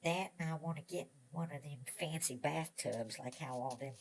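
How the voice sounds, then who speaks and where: Gravelly, stammering old Western prospector. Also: male voice, on the high side, normal speed, a little hiss or hum. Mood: eager, rambling. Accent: American Old West drawl. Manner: rambling, stammering, repeats words, chuckling old prospector talk. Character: excitable old male prospector, newly rich, chatty. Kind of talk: Western audio drama acting.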